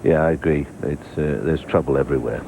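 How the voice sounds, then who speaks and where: A man's voice: a bass voice, brisk, dark tone, a little hiss or hum. A man working as a golf commentator, giving live analysis of the shots from an outdoor broadcast.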